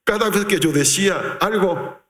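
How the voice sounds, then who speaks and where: A male pastor preaching a sermon, speaking slowly and with emphasis, stretching out key words. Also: high-pitched, a bit bright. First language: Korean. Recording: reverberant church hall.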